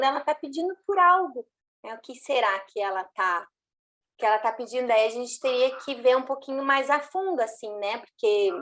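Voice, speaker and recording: A woman's voice: fairly high pitch, a bit bright. A woman speaking as a parenting mentor, chatting in a live online talk and answering questions from the chat, with frequent "né?" tags and restarts. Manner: conversational, frequent "né?", many restarts.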